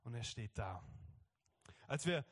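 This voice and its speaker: German pastor preaching in a reverberant hall. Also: male voice, mid-range voice, slow pace. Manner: lively, acts out quoted voices. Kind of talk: sermon. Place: church hall.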